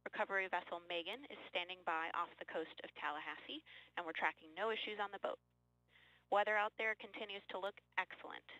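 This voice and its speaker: A woman's voice: medium pitch, steady tone, fast, sharp tone, no echo, rough recording. A woman mission controller giving clipped, procedural radio calls to a spacecraft crew over a radio loop. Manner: crisp, clipped procedural callouts. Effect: radio loop transmission.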